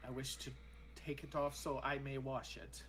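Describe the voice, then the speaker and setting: A man's voice: medium pitch, flat delivery, normal speed, a bit bright, a little hiss or hum, close to an everyday voice. A man playing a deferential armored holy warrior in a tabletop role-play, formal, courtly and hesitant.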